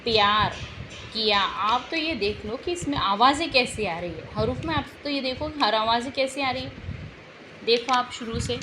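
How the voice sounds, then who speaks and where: A woman's voice: fairly high pitch, noisy background. A woman teacher giving an exam-prep language lesson, patiently repeating example words and checking in with her students.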